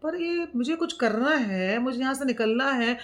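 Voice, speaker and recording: A woman's voice: steady tone, normal speed, lightly acted. Woman voicing a desperate pleading young son. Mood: frustrated. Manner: pleading, rising to high loud outbursts.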